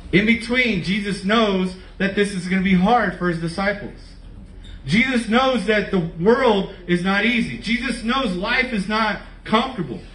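A male pastor preaching a lively, conversational sermon with casual slang and direct questions to the congregation. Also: high voice, distant mic. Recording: echoey room, voice from off-mic.

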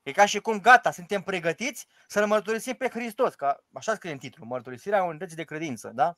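Male priest, high-pitched, dry close mic; emphatic, rhetorical teacher who recites prayers. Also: expressive, pushed and bright, no echo. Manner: emphatic and rhetorical, quotes the liturgy aloud. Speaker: Orthodox priest. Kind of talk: informal teaching discussion.

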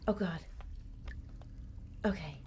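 A woman voicing a nervous, prickly young woman who talks low, quiet and tense in a comedic gaming role-play. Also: slow pace, slightly rough, heavily acted.

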